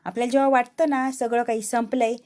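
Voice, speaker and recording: Lady doing a chill hopeful young woman, calm and encouraging. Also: fairly high pitch, fast talker, lightly acted. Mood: reassuring. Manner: soothing, encouraging.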